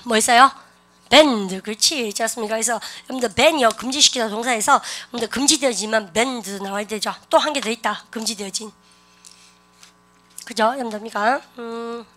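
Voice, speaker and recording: Woman, grammar teacher, online lecture, animated, coaxing, higher pitch, bright tone. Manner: animated, coaxing students to repeat aloud.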